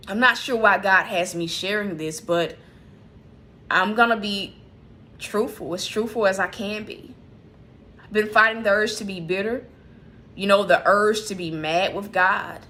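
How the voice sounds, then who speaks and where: A woman's voice: medium pitch, bright, forceful tone. A woman hosting a ministry livestream, speaking in a heartfelt, confessional way, emotional and close to tears, with many fillers like "you know" and "like". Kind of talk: candid spiritual sharing on a livestream. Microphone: streaming setup.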